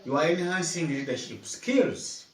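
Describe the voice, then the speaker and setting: A man, a head teacher answering interview questions in measured, formal phrasing. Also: a little high, lively intonation. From Uganda. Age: 50s. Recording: echoey room, mic at a distance.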